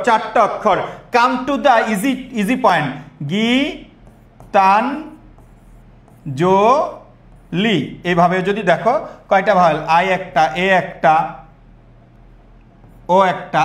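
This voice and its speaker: A young man teaching an online admission class, energetic and quizzing students with repeated questions. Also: high-pitched, roomy sound.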